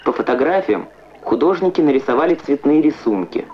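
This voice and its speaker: A man reading scripted educational science newsreel narration in a measured, declamatory way with precise diction. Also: on the high side, lively intonation, background noise. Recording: muffled vintage Soviet film soundtrack.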